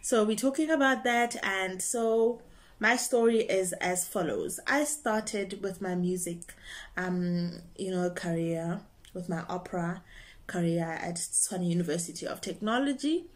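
A woman's voice: medium pitch, unhurried. A young woman from South Africa, an opera singer, chatting casually and expressively to her channel's viewers. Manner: bubbly, expressive, laughs and breaks into singing. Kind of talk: casual chat to camera.

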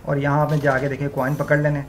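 A man's voice: a little high, completely flat delivery, quick pace, slight background noise. A man hosting a gaming channel, talking viewers through gameplay step by step and leaning on the same filler phrases again and again. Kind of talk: gameplay walkthrough commentary.

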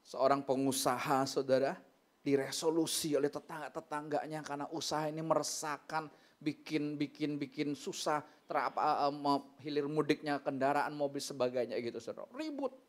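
A middle-aged man preaching a sermon as pastor, telling stories with lively swings from loud, high exclamations to low, quiet asides. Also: moderate pace.

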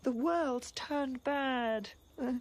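An actress playing a bitter, grieving young princess in a classical stage tragedy, impassioned, with sharp outbursts among low laments. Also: female voice, drawn-out words, heavily acted. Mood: weary despair.

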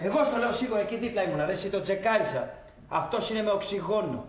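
A man's voice: high-pitched, animated, roomy sound. A man playing a brash, pushy undertaker who talks slangy and blunt on a phone call, in a comedy film. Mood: hustling. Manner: slangy, blunt, shouting down a bad line. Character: brash pushy male undertaker hustling for business.

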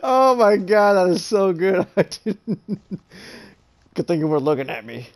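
Woman gamer, slow-paced, sweary chat with lots of laughing and swooping pitch. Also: sing-song, darkish tone. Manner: swears constantly, laughs and yelps in surprise. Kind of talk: gaming chat with a friend.

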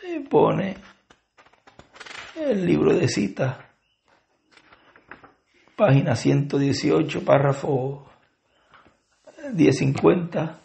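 A man with a Puerto Rican accent preaching at a Bible study. He reads scripture aloud and then explains it, with frequent pauses. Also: on the high side, expressive, creaky, warm tone. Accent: Puerto Rican Spanish. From Puerto Rico. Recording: dull lo-fi sermon recording.

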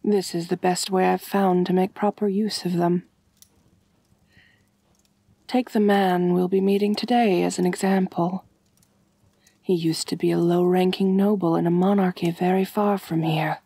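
In an intimate ASMR roleplay, a woman plays an ancient, wealthy vampire mistress, genteel and measured, doting yet gently dominant. Her soft, breathy voice sits on the low side, and her delivery is flat, poised and matter-of-fact, though the voice itself is exaggerated. The recording is dry.

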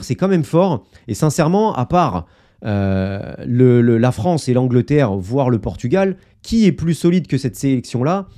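A man's voice: medium pitch, mellow. A man hosting a casual football video, chatting opinions to his viewers with many fillers and asides. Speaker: football YouTuber. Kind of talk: casual football analysis to camera.

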